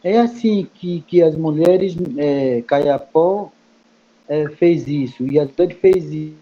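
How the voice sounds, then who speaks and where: Halting Kayapó-native man, muffled. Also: fairly high pitch. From Brazil. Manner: halting, repeats words with many fillers. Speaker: guest speaker. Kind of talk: explaining in a study group meeting. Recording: muffled lo-fi recording.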